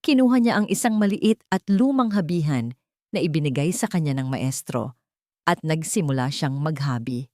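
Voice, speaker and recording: A woman narrating a dramatic love story in a steady, dramatic manner from a script. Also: low-pitched, moderate pace, no room sound, studio quality.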